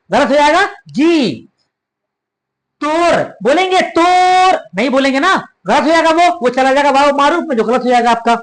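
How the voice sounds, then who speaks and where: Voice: sits high, a bit bright, low-quality recording. A patient teacher giving a grammar lesson, who repeats key terms, draws out example words and talks to viewers as students. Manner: addresses viewers as students, calls them child. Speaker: Urdu teacher. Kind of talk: classroom-style grammar lesson.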